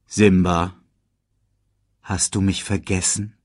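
The ghost of a solemn male lion king, as a male narrator puts him on, speaking low, soft and slow. His husky voice sits close and dry. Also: flat delivery, dry recording.

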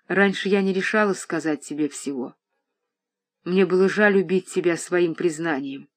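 A reader voicing a gentle, steady young daughter. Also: medium pitch, moderate pace, close to an everyday voice. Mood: pleading. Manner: quiet, tender and steady. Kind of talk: audiobook reading.

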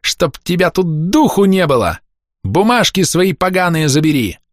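A man voicing a lamenting, cursing old village woman with a whiny, shrill voice. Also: sing-song, moderate pace, dry recording, studio quality. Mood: scolding.

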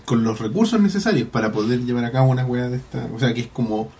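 A man's voice: mid-range voice, fast talker, a little mellow. A man with a Chilean accent hosting a podcast, recapping an episode in a rambling, slangy casual chat. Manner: slangy, rambling, full of colloquial swearing. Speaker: podcast host.

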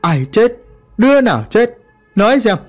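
A man voicing a hot-tempered, foul-mouthed old grandfather who barks and shouts. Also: high voice, big pitch swings, moderate pace, faint music behind, voice pushed up. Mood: angry. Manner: barking, cursing shouts.

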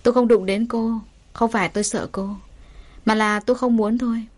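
A woman doing a calm, coolly menacing man. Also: a little high, moderate pace, close to an everyday voice. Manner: calm, even, quietly threatening.

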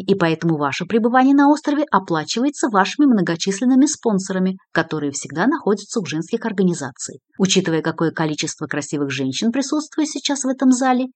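A woman's voice: mid-range voice, dry recording. A woman reading the lines of a composed male private investigator with a dry, ironic manner.

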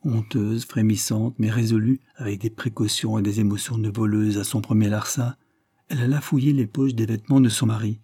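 A male narrator reads a classic short story with measured, expressive pacing. His voice is mellow and a bit husky. The sound is dry and close, with no room around it. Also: on the low side, dry recording. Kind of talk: scripted audiobook narration.

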